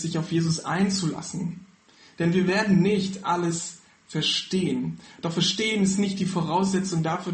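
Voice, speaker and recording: A man's voice: high-pitched, roomy sound. A man preaching a sermon on a Bible passage, earnest and personal, speaking directly to his listeners.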